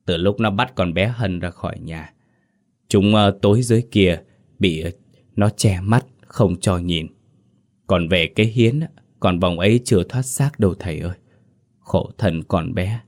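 A man's voice: low-pitched, unhurried, a little mellow. A man doing a wailing old woman's ghost. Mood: sorrowful. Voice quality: trembling, wailing and sobbing. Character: grieving old woman's ghost possessing a body.

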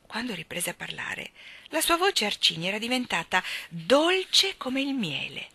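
A woman reading a children's storybook aloud in an expressive, animated way. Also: medium pitch, measured pace, creaky, slightly rough. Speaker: reader.

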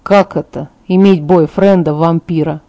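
A woman reading the lines of a blunt, teasing teenage boy in an audiobook, speaking slower and a bit lower with hesitant questions. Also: steady tone, mellow, dull audio. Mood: curious.

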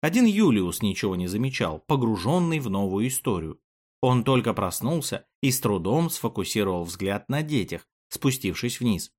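Guy reading a kids story, lively up and down voice, really expressive. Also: lowish voice, normal speed. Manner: expressive, animated. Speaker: narrator. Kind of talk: storybook narration.

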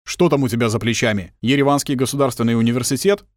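Мужчина-чтец озвучивает строгого молодого лейтенанта, который коротко командует. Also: male voice, medium pitch, fast talker, no echo, studio quality, natural voice. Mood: stern. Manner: curt, commanding. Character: stern young lieutenant commander, curt.

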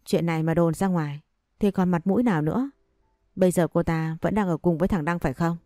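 A woman reading the lines of a sharp-tongued older mother who scolds her daughter bluntly, in an audio story. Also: fairly low pitch, quick pace, no echo, studio quality, faint music behind, close to an everyday voice. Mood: scolding.

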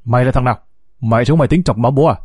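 A man's voice: mid-range voice, very fast, husky, no room sound, clean studio sound, close to an everyday voice. A man voicing a domineering village father who hurls insults and threats at his wife and the kidnappers. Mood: furious. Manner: shouting insults, hissing threats. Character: hot-tempered domineering father, coarse and threatening.

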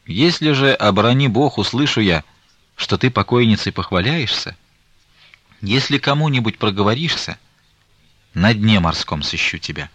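A man reading the part of a stern, grieving old merchant, talking in a slow, weighty, reproachful way. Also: lowish voice, animated, a bit bright, dry recording, pitched above the performer's own voice.

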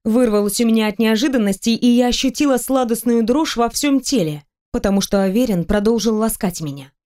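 A woman reads first-person audiobook narration at a steady storytelling pace. Her voice is a touch higher than average. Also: fairly quick.

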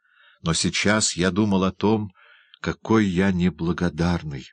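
A man's voice: sits low, a little slow, dry recording. A man voicing a grateful, earnest young orphan boy who speaks with eager feeling. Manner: eager, heartfelt.

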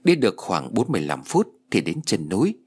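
Deep-voiced man telling a ghost story. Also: fairly quick, breathy edge. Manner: expressive, dramatic storytelling with lively pitch. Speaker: audiobook narrator. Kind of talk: first-person ghost story narration.

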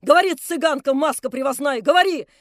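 Brief: shrill, abusive old landlady in a storybook reading, put on by a woman reader; loud, scolding, self-pitying. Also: a little fast, no room sound, clean studio sound, close to an everyday voice. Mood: bitter ranting. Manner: ranting, scolding, wailing self-pity. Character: drunk, vicious older landlady, shrieking fury. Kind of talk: audiobook reading.

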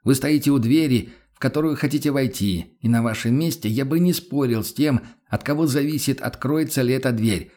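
A man's voice: mid-range voice, fairly quick, few pauses, dark tone, lightly acted. A man playing a firm, guarded inquisitor. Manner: cautious, firm interrogation. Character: guarded, commanding male inquisitor.

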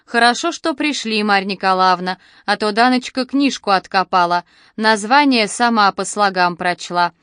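Woman voicing a shrill bossy housewife. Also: moderate pace, clean tone, no echo, clean studio sound, close to an everyday voice. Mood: chiding. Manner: loud, scolding, exclamatory. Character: bossy fussy middle-aged woman employer.

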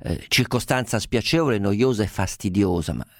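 A man's voice: on the low side, moderate pace, dry recording, studio quality. A man hosting a radio phone-in show, wordy and ironic, with frequent fillers. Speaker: radio talk show host.

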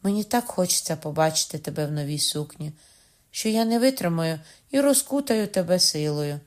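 A woman voicing a playful young man who gently teases, coaxes and then apologizes, read in a storybook style. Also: fairly low pitch, expressive, a little fast, close to an everyday voice. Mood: coaxing.

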